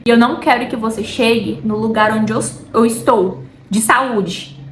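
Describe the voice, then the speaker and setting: A vlogger with a Brazilian Portuguese accent speaks in a slightly high voice at a moderate pace, chatty, heartfelt and warm, in a casual faith vlog. She addresses viewers intimately and directly as "meu amor," often drifting off topic mid-thought. The room adds a clear echo, with faint noise behind her.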